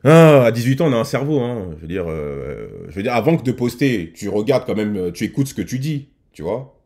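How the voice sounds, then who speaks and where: A man's voice: mid-range voice, sing-song, a little fast, a little mellow. A man talking casually to his viewers as a reaction host, hesitant with many fillers and restarts. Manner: addresses viewers directly.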